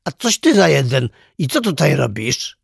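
A big, self-important orangutan toy from a storybook, played by the narrator barks blunt questions a little louder than the narration. The voice is gravelly and husky, recorded dry and close. He sounds proud and bossy throughout. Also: mid-range voice, big pitch swings, moderate pace, dry recording, exaggerated voice. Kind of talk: storybook reading.

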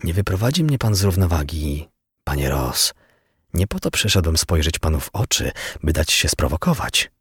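A man's voice: rumbling low, very animated, slightly rough, dry recording, exaggerated voice. A man doing a smug taunting murder suspect. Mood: mocking. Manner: mocking, unhurried, coolly polite.

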